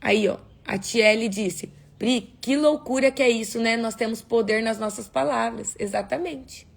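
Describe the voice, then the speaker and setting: Woman preaching on a live stream, gravelly and kinda husky, higher voice, keeps asking the viewers questions. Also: normal speed. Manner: emphatic, asks the audience rhetorical questions. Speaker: preacher hosting a prayer livestream. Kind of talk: livestream sermon and prayer.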